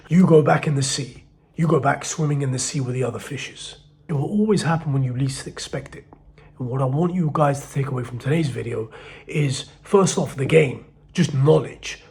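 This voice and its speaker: A man giving blunt, profane dating advice in a casual monologue, swinging between loud emphasis and low muttering. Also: vocal fry.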